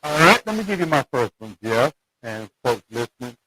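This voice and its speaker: A man's voice: mid-range voice, sing-song, moderate pace. A man co-hosting a casual sports picks chat, his voice muffled and fuzzy as if underwater over a remote call. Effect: muffled, fuzzy, underwater-sounding remote audio. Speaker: podcast co-host. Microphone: remote call connection. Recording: fuzzy noisy remote line, distant mic.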